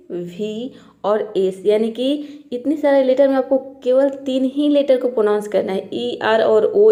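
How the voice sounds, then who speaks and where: A woman with a fairly high voice teaches English pronunciation. She walks through each rule patiently, saying every example word and then its meaning. Her delivery is that of a spoken classroom lesson. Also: mellow. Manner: explains step by step and repeats each word with its meaning.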